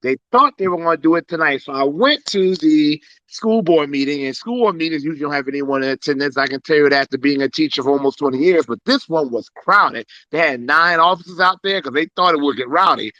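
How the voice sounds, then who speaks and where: A man's voice: a little high, a little fast, hardly any pauses, pushed and bright, no room sound. A man from South Carolina calling into a live chat, speaking in an earnest, conversational way. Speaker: caller. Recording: dull lo-fi call audio.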